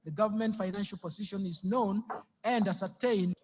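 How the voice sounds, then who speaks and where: A man with a Kenyan accent giving a formal budget speech, heard as television audio playing in a room. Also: high-pitched. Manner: steady, measured delivery of figures. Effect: television audio heard through a room. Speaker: government speaker delivering budget. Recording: distant, roomy, dull TV sound from far off.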